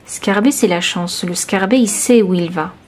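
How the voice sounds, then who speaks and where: A woman reading tarot cards for her viewers, talking straight to them in a searching, reassuring way with many pauses and restarts. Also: medium pitch, darkish tone. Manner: intimate, reassuring, addresses viewer directly. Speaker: tarot reader. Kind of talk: intuitive tarot reading to camera.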